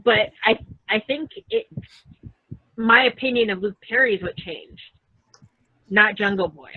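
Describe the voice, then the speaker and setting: A woman's voice: medium pitch, unhurried, breathy edge, dry recording. A woman guest in a casual podcast chat, talking things through in a chatty, thinking-aloud way. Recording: tinny dry phone-like line.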